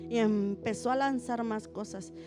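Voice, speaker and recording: Fervent high-voiced woman pastor. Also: fairly even intonation, measured pace, music in the background. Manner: vivid storytelling that rises into fervent preaching. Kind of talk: sermon with a personal testimony.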